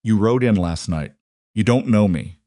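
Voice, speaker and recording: A man voicing a determined woman rancher in an audiobook, speaking calmly and precisely. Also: on the low side, moderate pace, no room sound, studio quality, natural voice. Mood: steady. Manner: calm, precise, matter-of-fact. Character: determined woman rancher, quietly sure of herself. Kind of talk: audiobook narration.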